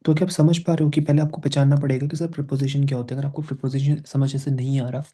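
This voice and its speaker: A man teaching a class, with a very dark, warm, mellow voice at an ordinary pitch. He walks through grammar points step by step, switching between Hindi and English phrases. He keeps turning to his students with quick checking questions. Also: flat delivery, breathy edge.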